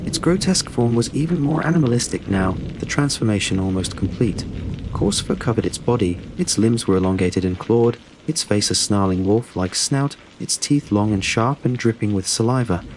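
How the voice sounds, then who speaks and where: A man reading a scripted horror story in a steady, measured storytelling delivery. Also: fairly low pitch, noisy background. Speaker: narrator.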